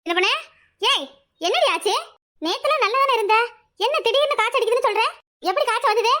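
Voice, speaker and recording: A woman's voice: extremely high pitch, quick pace, pushed and bright. A woman voicing a scolding, sarcastic village mother-in-law in a cartoon, with a Kanyakumari Tamil accent. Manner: nagging, sarcastic. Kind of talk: cartoon comedy acting.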